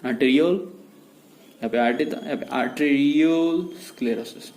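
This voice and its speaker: A man giving a medical lecture in a mix of Hindi and English. He explains slowly and repeats key terms. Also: on the high side, darkish tone. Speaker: medical teacher. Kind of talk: whiteboard lecture. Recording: echoey room with faint noise.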